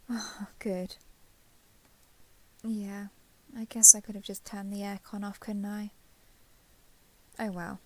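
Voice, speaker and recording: In an intimate audio roleplay, a young woman voices a caring giant dragon girl, addressing the listener gently and reassuringly with a touch of hesitation. Her pitch is medium, and the audio quality is poor.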